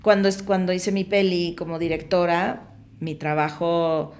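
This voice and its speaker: Speaking unhurriedly in a lowish voice, this middle-aged film producer and director with a Mexican Spanish accent is a guest on a podcast. The interview is casual and conversational, and she tells animated stories full of restarts and fillers.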